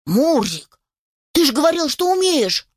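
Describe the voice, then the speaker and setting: A woman's voice: high voice, sing-song, measured pace, darkish tone, no echo, clean studio sound, pitched above the performer's own voice. A woman voicing a loyal young male puppy who begs everyone for help. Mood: pleading. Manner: eager, pleading.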